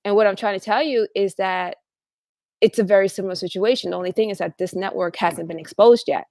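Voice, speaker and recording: A woman with a gravelly, fry-laden voice talks in a rambling, casual monologue and often restarts her sentences. The recording is dry and close, with no room sound. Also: medium pitch, fairly quick, a little mellow, no echo. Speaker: channel host.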